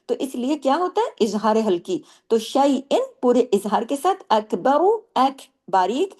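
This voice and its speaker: A woman teaches tajweed in a slightly high voice that is a little mellow and sing-song. She explains patiently, step by step, asking her own questions and then answering them. Between points she recites slowly, drawing the words out.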